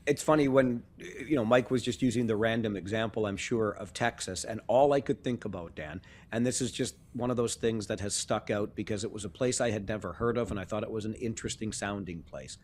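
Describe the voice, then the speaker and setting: A man's voice: on the low side, a little fast, hardly any pauses, darkish tone. A man co-hosting a sports podcast in a genial, conversational way, chuckling now and then. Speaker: podcast co-host. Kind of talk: casual sports podcast chat.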